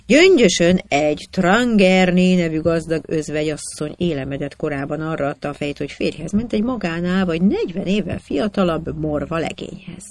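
A narrator reading historical anecdotes aloud with a measured storytelling cadence. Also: medium pitch, expressive.

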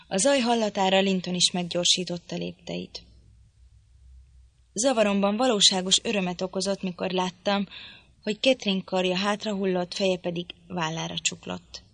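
A woman narrating a novel in an audiobook in a measured storytelling manner. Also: mid-range voice, steady tone, gravelly, a bit bright, no room sound.

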